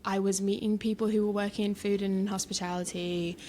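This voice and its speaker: A woman's voice: medium pitch, level tone, fairly quick, a little mellow, slight background noise. A woman in her thirties from the south of England with an English accent, chatting animatedly as an interview guest and laughing often. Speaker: guest, supper club founder. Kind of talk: casual interview chat.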